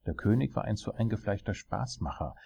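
A man narrating an audiobook of a dark tale in a grave, measured manner. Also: lowish voice, lively intonation, gravelly, lo-fi sound.

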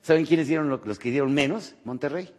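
A Mexican man giving a motivational lecture, animated and rhetorical, tagging his points with quick questions to the audience. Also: on the high side. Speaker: motivational speaker.

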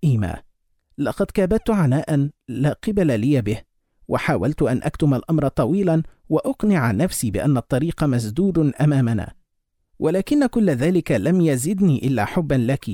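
A man's voice: fairly high pitch, sing-song, fairly quick, warm tone, no room sound, clean studio sound. A man reading as a desperate young lover. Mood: pleading.

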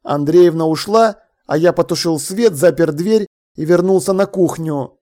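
Audiobook narrator: man, high-pitched voice, expressive first-person storytelling. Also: normal speed. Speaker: audiobook reader. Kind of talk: scripted narration.

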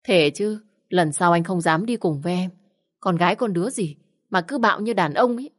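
A woman's voice: on the low side, normal speed, close to an everyday voice. A woman doing a whiny, jumpy young man. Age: 20s. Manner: complaining, exclaiming. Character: timid young man, whiny and easily scared.

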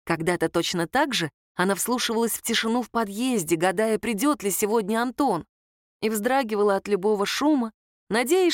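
Brief: woman audiobook narrator, expressive, mid pitch, dry close sound. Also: dry recording.

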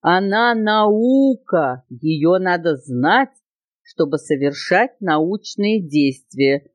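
A strict, know-it-all parrot from a children's tale, as a woman puts him on, lecturing with indignant emphasis. He stretches his words slowly and swings his pitch widely. The voice sounds close and dry. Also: animated, no echo, lo-fi sound, full character voice.

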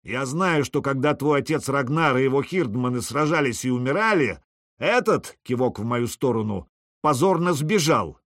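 A man voicing a hot-tempered balding Viking jarl in an audiobook, bellowing his indignant shouts. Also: medium pitch, lively intonation, normal speed, dry recording, clean studio sound, close to an everyday voice.

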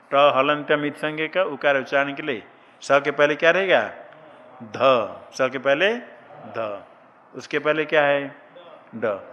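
A man teaches a Sanskrit grammar lesson at an unhurried pace, asking question after question and insisting on exact pronunciation. His voice is bright and forceful. The room rings with a long reverb over a faint hum of ambience. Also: a little high. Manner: slow, drilling questions and answers, correcting pronunciation.

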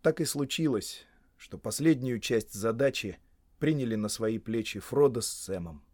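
A man narrating a fantasy audiobook in a measured, steady storytelling manner. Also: medium pitch, no room sound, clean studio sound.

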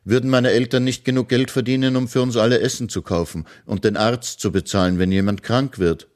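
Storybook working boy, earnest, quicker, higher, man reading. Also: fairly even intonation, a little mellow, close to an everyday voice. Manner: earnest, hurried in places. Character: hardworking young boy, earnest.

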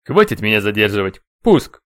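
Man doing a sugary booming dark entity. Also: animated, fairly quick, lightly acted. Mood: commanding. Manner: sugary, mocking, commanding. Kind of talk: audiobook character voice.

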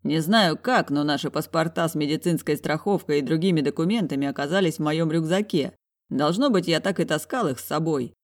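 A man narrating a first-person audiobook in a calm, gentle, reassuring way. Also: a little high, a little fast.

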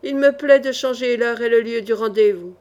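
An insolent hired blade who sneers at his opponent, as a woman narrator puts him on. The voice stays fairly high, read plainly in a storybook adventure. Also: normal speed, darkish tone, natural voice. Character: insolent, brutish male hired swordsman.

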